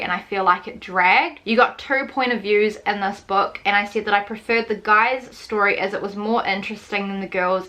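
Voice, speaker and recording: A woman's voice: mid-range voice, pushed and bright. A young woman chatting casually about books she has read, filling her talk with "like". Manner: chatty, uses "like" a lot. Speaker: book vlogger. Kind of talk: casual book review chat.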